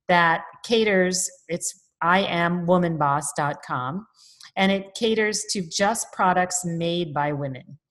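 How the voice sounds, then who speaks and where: A woman's voice: lowish voice, a bit bright. A woman hosting a podcast interview, introducing her guest in an upbeat, effusive way. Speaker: podcast host.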